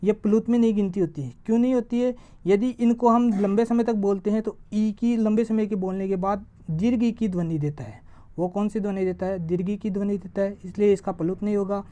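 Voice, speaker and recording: A woman teaching an exam-prep grammar lesson. She asks a question and answers it herself, and she draws vowel sounds out slowly to show them. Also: medium pitch, steady tone, dark tone. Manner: stretches vowels slowly when demonstrating sounds.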